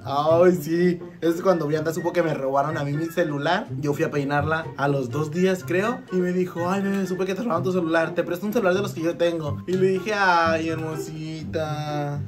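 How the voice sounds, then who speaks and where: A man's voice: fairly high pitch, fairly even intonation, moderate pace, few pauses. Mexican guy vlogging, reads his texts out all giggly and teasing, music going in the back. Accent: Mexican Spanish. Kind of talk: casual vlog, reading chat messages aloud. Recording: background music under the voice.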